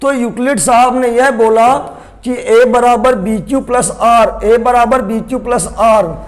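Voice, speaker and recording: A man with a very high speaking voice teaches a math lesson to students. He poses questions and answers them himself. He slows down to repeat the key terms. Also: steady tone. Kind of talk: classroom-style lesson to camera.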